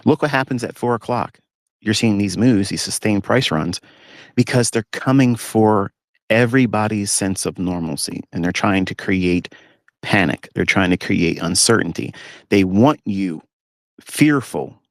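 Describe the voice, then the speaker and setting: A man's voice: fairly low pitch, measured pace, no room sound, studio quality. A man hosting a live audio stream from his parked pickup truck, lecturing in a blunt, scornful way. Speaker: host.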